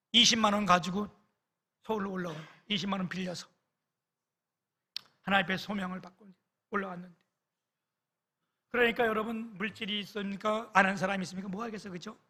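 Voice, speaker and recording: A man's voice: high-pitched, sharp tone. A middle-aged male pastor preaching a sermon, telling a personal story with emotional swings and acted-out quotes.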